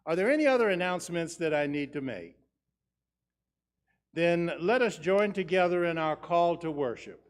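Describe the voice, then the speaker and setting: Measured male pastor with a slightly high voice. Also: animated. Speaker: pastor leading a church service. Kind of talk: church announcements and liturgy. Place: church sanctuary.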